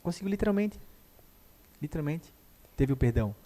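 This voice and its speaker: A man tells a story quickly, his voice soft and mellow. He acts out the lines of the people in it with animated energy. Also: on the high side. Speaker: guest therapist. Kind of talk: conversational storytelling.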